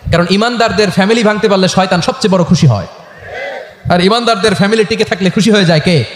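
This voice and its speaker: Male preacher, high voice, animated, quizzing the crowd, loudspeakers, echoey hall with long reverb. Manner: animated, asks the crowd questions. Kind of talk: storytelling sermon to a crowd. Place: large public gathering over loudspeakers.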